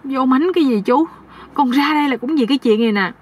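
A woman voicing a naive young husband who complains in a high, pleading, husky voice. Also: quick pace. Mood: whining.

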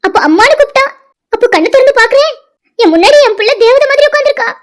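Casting: woman doing a very high, fast-talking grieving mother in a cartoon, pleading. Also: animated. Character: grieving mother calling for her lost daughter. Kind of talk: cartoon voice acting.

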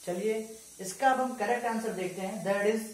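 A man teaching grammar, talking slowly and deliberately, dictating example sentences word by word and often checking that the class follows. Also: high-pitched. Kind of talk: explaining grammar in a lesson. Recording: echoey room, far from the mic, faint ambient noise.

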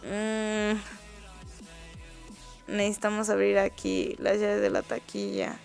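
A young woman with a Mexican accent giving excitable live-stream commentary while she plays a game, swearing casually and talking to the characters on screen. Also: mid-range voice, slow pace, vocal fry, faint music behind. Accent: Mexican Spanish. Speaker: gaming streamer.

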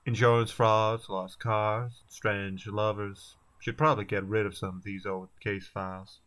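A man's voice: on the low side, flat delivery, measured pace, fairly bright tone. Man doing a drawling raccoon detective. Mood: wry. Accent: slight southern drawl, put on. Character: weary male raccoon detective, wry bachelor.

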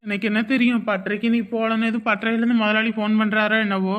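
A worried village wife in a cartoon, voiced by a woman, a little high-pitched. She pleads and reasons calmly with others. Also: quick pace, dull audio, lightly acted. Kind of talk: cartoon voice acting.

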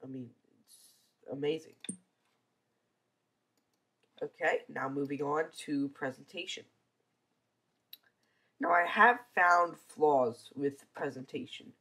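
A teenager congested from a cold gives a casual, hesitant screencast software review full of ums, recorded on a computer mic. The mid-range voice sounds pushed, bright and husky, unhurried with long pauses.

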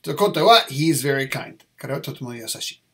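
A man who teaches English, going through test answers and mixing English and Japanese as he repeats phrases slowly. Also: medium pitch, animated, fairly bright tone.

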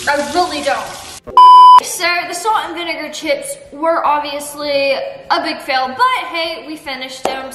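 A woman vlogger chatting casually to camera, giggly and laughing often, recorded in an echoey room. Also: high-pitched. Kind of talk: casual vlog chat to camera. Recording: echoey room with steady background noise.

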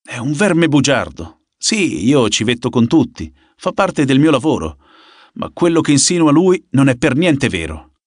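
A man voicing a defiant, sharp-tongued young woman singer in an audiobook, scornful and quick to bite back. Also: medium pitch, very animated, no room sound, clean studio sound, voice pushed up. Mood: bitter.

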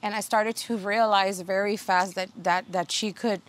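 Touring her own garden outdoors, a woman in her thirties who hosts garden videos chats casually, restarting often and using many fillers. Her mid-range voice stays steady in tone and moves at a moderate pace.

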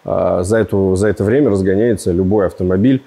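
A man's voice: sits low, fast talker, vocal fry. A man in his thirties reviewing a car in a casual, joking, rambling way, recorded in a large indoor showroom on a lapel mic. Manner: joking, rambling, animated with gestures.

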